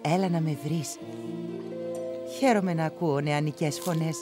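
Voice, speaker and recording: A woman's voice: sits low, fairly even intonation, over music, natural voice. A woman voicing a kind blind old grandmother. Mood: tender. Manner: soft, affectionate. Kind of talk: cartoon dub.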